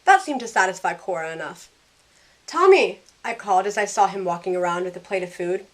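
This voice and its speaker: In an audio drama, a woman voices a sarcastic, self-questioning young woman narrating her own story in first person, with dialogue too. Her medium-pitched voice is lively and fairly quick, close to how she'd sound day to day. The mood is bright and playful.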